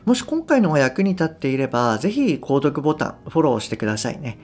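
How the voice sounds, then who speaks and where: A middle-aged man speaks off the cuff as a podcast host and coach, relaxed and unhurried, explaining things to the listener with soft emphasis and some hesitant wording. His voice is fairly high with big swings in pitch, and guitar music plays in the background.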